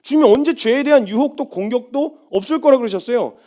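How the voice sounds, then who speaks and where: A man's voice: very high-pitched, lively intonation, fast, warm tone. A man preaching as a missionary, in a conversational style that often slips into acting out inner thoughts. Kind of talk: sermon.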